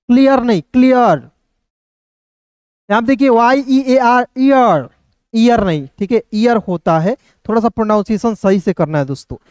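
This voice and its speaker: A male teacher giving a pronunciation lesson, spelling out words slowly and checking often that students follow. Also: very high voice, a little mellow, no echo, studio quality. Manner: repeats words slowly, often says "dosto" and "clear hai". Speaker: English teacher.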